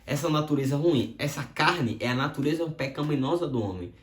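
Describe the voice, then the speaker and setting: Expressive preacher. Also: male voice, brisk. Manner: expressive storytelling with swings in pitch. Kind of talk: Bible teaching sermon. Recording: roomy echo.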